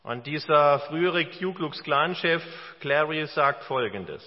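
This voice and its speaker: A pastor gives his sermon in a slow, deliberate way, leaning on pauses for emphasis. His voice sits a little high for a man. The recording is dull and carries the long reverb of a church hall. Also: expressive.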